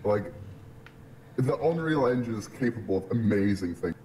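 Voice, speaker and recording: Man through a deep voice changer. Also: lively intonation, moderate pace, darkish tone, a little hiss or hum, rough recording. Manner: blunt, swears constantly. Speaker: guest streamer. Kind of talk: casual podcast chat.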